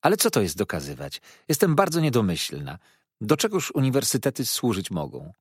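A man's voice: mid-range voice, huge pitch swings, brisk, slightly rough, dry recording, clean studio sound. A man reading an audiobook voices a sarcastic young woman who feigns innocence with arch, needling questions. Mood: mock-innocent. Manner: arch, mock-naive questioning.

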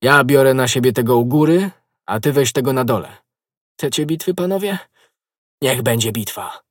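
A man playing a bold young swordsman who stays level-headed and gives orders, his husky voice raised and firm. Dry, close recording with no room sound. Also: medium pitch, lively intonation, normal speed, dry recording, lightly acted. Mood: commanding. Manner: firm, commanding. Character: bold young male swordsman, calm and commanding. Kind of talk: audiobook role.

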